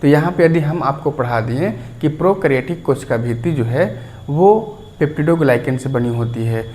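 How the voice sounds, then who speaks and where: A man's voice: a little high, animated, normal speed, darkish tone. A man teaching a science lesson, explaining step by step, checking in with the listener and repeating key terms. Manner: clears throat now and then.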